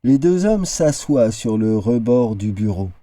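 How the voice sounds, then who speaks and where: A man reading his own tale aloud in an expressive storytelling style, now and then slipping into character voices. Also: measured pace, no echo. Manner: shifts into character voices, high exclamations.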